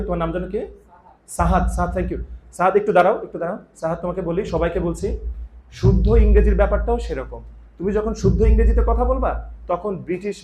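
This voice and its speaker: Man, Bangladeshi Bengali accent, teacher in a classroom, animated and playful, high-pitched. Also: slight background noise, low-quality recording. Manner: animated, teasing, calls on students by name. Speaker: English teacher. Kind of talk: lively classroom talk to students. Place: college classroom.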